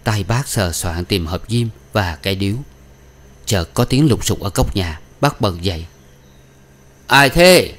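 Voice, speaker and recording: A man narrating a novel as an audiobook reader, in a steady, even storytelling manner. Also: deep voice, normal speed.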